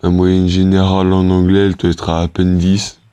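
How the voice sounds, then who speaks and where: Teen male gamer, low voice, casual hesitant rambling commentary, dry sound. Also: completely flat delivery, normal speed, mellow, clear, resonant tone, no room sound. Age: teenager. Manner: rambling and hesitant, many fillers and restarts. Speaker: gaming YouTuber.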